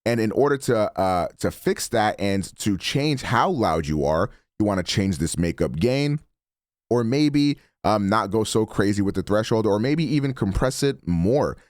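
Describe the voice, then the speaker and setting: A deep-voiced man streams from his home setup, casually talking through his mic settings in a relaxed, chatty tutorial and correcting himself as he goes. He speaks unhurriedly into a studio broadcast mic, and the sound is clean with no echo.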